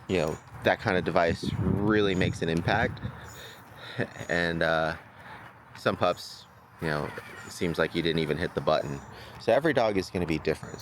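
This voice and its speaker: Speaking over a noisy background, a man with a deep voice talks through a dog-training demo outdoors. He's casual and thinks out loud, often tagging on "right?".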